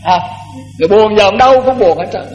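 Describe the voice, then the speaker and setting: An older Buddhist monk gives a folksy sermon, often repeating words. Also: male voice, sits high, fast talker, darkish tone, a little hiss or hum. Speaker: Buddhist monk giving a dharma talk. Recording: echoey hall, dull lo-fi, faint music.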